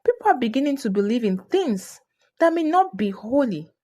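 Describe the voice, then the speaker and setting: A woman's voice: fairly high pitch, very animated, normal speed, mellow. A woman voicing a stern, cautious male preacher in a storybook tale, speaking earnestly and warning.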